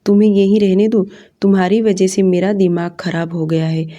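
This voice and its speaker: Audio-novel figure: woman reading a domineering, hot-tempered young husband, harsh and quick, mellow tone. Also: mid-range voice, flat delivery, highs cut off, natural voice. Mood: angry, domineering. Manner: harsh, commanding, fast when angry.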